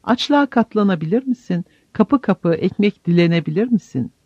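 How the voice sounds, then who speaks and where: A man's voice: high voice, animated, normal speed, husky, no echo, highs cut off, pitched above the performer's own voice. A man reading an audiobook voices a stern ascetic friar who tests with harsh, probing questions. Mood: stern testing.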